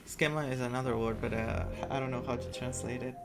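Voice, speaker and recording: This gaming streamer talks fast in a mid-range voice with little pitch movement, narrating a casual playthrough over game music. He's a man who speaks Greek natively, reacting aloud and explaining each word as he reads it.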